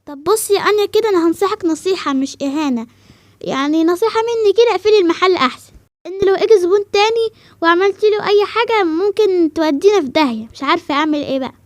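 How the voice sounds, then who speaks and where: A woman playing a blunt, work-shy girlfriend in a game role-play, frank and teasing, with an Egyptian Arabic accent. The voice is very high and talks fast. The sound is close and dry. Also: dry recording. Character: blunt girl friend and reluctant helper.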